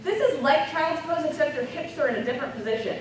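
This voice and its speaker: A woman leading a live yoga class at a convention, calmly cueing each step of the poses over a microphone. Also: sits high, fast, slight background noise. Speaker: yoga instructor. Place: large convention hall. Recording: echoey hall, distant mic.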